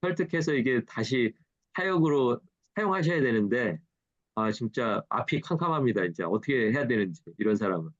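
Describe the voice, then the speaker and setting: A male pastor leads a Bible study at a middle pitch, talking it through like a chat with the class. He asks rhetorical questions and slips into the voices of the people he quotes. The recording sounds slightly dull and muffled. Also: animated, normal speed. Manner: conversational, acts out quoted dialogue, rhetorical questions.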